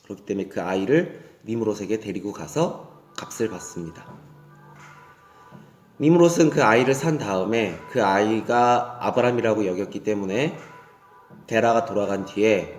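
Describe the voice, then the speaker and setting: A man's voice: on the low side, lively intonation, moderate pace. Male preacher, earnest storytelling sermon, roomy echo with faint music. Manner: earnest retelling with many fillers. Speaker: evangelist preacher.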